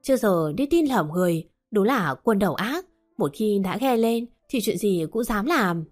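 A woman's voice: mid-range voice, expressive, normal speed, darkish tone, natural voice. A wounded young daughter, played by a woman storyteller, speaks in a bitter, reproachful tone. Faint background music plays. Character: upset young daughter of the house.

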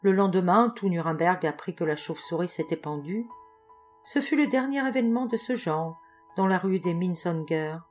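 A woman reading a classic story aloud as a volunteer audiobook reader, in an expressive, dramatic narrating style. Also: lowish voice, normal speed, soft background music.

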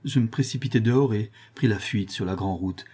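A man's voice: on the low side, fairly quick, dark tone, slightly rough. A man reading aloud and voicing a distraught young nun, broken and ashamed, with anguished, pleading speech.

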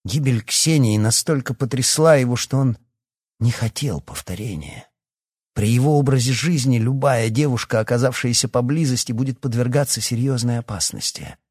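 A man narrating a fantasy audiobook in a steady, measured manner. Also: mid-range voice, slightly rough, no echo, studio quality. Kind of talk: scripted narration.

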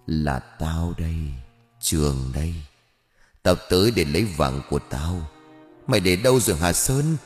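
A man voicing the vengeful ghost of a dead male villager with maimed hands, speaking in a low, hushed moan. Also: expressive, normal speed, in a large hall, soft background music. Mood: menacing.

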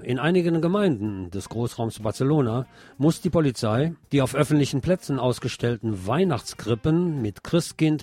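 Over background music, a man delivers scripted radio news commentary, opinionated and sprinkled with wry asides. His mid-range voice has a darkish tone, with no room sound.

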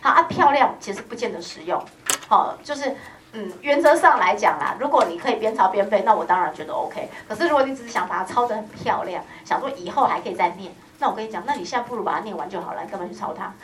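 A woman's voice: medium pitch, fast talker, distant mic, slight background noise. A woman lecturing a law exam prep class in a chatty, teasing way, recorded in a classroom. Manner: chatty, teasing, lively, peppers speech with "hao" and "ha".

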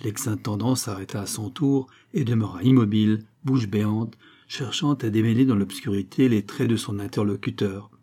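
A man reading a novel aloud as narrator at a steady, measured pace. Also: lowish voice. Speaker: audiobook narrator. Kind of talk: scripted narration.

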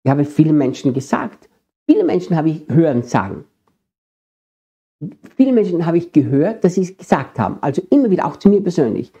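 A man's voice: on the high side, big pitch swings, fairly quick, creaky, dark tone, slightly rough. A middle-aged man with an Austrian accent preaching a sermon, earnestly addressing his congregation. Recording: dull lo-fi sermon recording.

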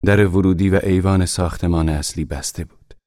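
A man reading an audiobook in a calm, measured, soft-spoken way. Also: low voice, dry recording, studio quality. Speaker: audiobook narrator. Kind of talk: scripted narration.

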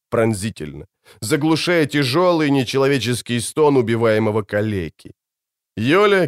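A man narrating an audiobook in an expressive, animated way. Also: mid-range voice, no room sound, studio quality.

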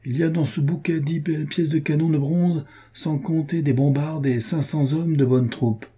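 Man reading cold, proud cardinal, dark husky voice. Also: fairly high pitch, fairly even intonation, moderate pace, pitched above the performer's own voice. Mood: self-assured. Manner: cool, self-assured. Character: powerful older male cardinal, proud and ruthless. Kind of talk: audiobook character reading.

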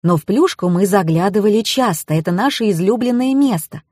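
Husky woman narrating an audiobook. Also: medium pitch, lively intonation, a little fast, darkish tone, dry recording, clean studio sound. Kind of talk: first-person audiobook narration.

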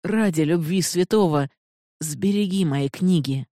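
A frantic male scholar under arrest, put on by an audiobook reader, begging and shouting for help. His voice is dark and mellow, recorded dry and close with no room sound. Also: medium pitch, measured pace, no echo, close to an everyday voice. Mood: pleading. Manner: pleading, frantic. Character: desperate captive male scholar doctor. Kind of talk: audiobook character voice.

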